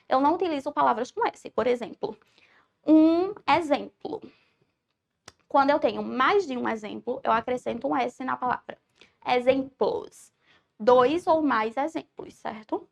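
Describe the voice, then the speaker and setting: Brief: Brazilian woman teacher, high voice with a gravelly fry, patient explaining tone. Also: a bit bright. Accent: Brazilian Portuguese. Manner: clear explanatory delivery, checks with "certo?". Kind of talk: recorded grammar lesson.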